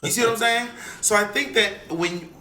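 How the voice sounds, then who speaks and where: Bright-voiced man, animated and profane. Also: high-pitched, moderate pace. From United States. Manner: animated, profane, acts out quoted people. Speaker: podcast co-host. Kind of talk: casual chat. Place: home in California, remote call. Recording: echoey room.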